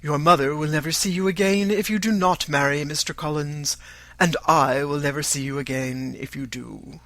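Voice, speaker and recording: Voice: mid-range voice, lightly acted. Narrator doing unruffled older dad, country gent, dry and formal, audiobook, no room echo. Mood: dryly amused. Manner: deadpan, measured, formal.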